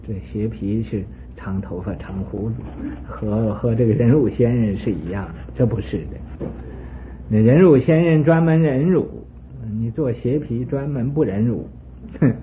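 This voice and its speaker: A male Buddhist teacher tells a sermon story in a lively way, adding asides to his listeners. His voice sits at a middle pitch. The sound is thin and phone-like, with a faint hiss behind it.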